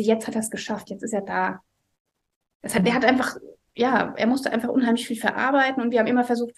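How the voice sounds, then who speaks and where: A woman telling an emotional personal story as a mother in an interview, earnest and halting, often dropping to a hushed voice. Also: fairly high pitch.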